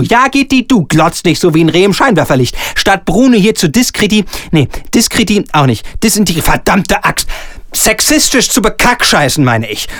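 A man's voice: sits high, no echo, clean studio sound. A man doing a ranting, pompous theatre director. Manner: ranting, lurching between sugary coaxing and shouting. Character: pompous, bullying male theatre director, middle-aged. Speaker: stage director. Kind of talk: solo reading of a comic radio scene.

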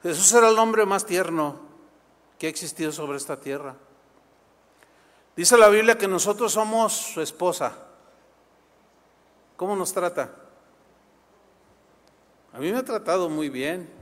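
A pastor delivers a sermon in a high, bright-pitched voice, lively and chatty, tossing quick asides to the congregation. The church sanctuary around him gives his words a long reverb.

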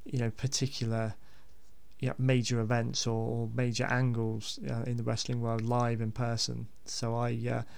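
A man's voice: mid-range voice, completely flat delivery, normal speed, gravelly, darkish tone, smooth. A man hosting a podcast, talking casually and unscripted in a hesitant, rambling way with repeated words. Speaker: podcast host.

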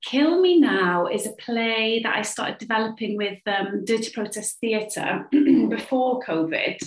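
A woman's voice: on the high side, lively intonation, unhurried. A woman from Cardiff with a Welsh accent, chatting informally as she answers interview questions about her work as a playwright. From Cardiff, Wales. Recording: echoey room sound.

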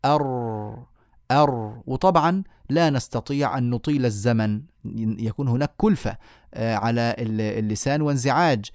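Teacher explaining pronunciation. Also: male voice, medium pitch, fairly quick, a little mellow, dry recording, studio quality. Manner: explanatory, repeats key words, demonstrates sounds aloud. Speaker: Quran recitation teacher. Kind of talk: online lecture on tajweed.

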